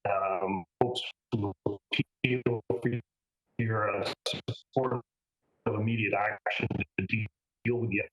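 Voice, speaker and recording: A man's voice: on the low side, fairly even intonation, slow, husky, dull audio. A man, a business owner, politely addressing a council over a video call whose audio is choppy and breaking up. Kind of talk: formal prepared delegation statement. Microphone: video call microphone.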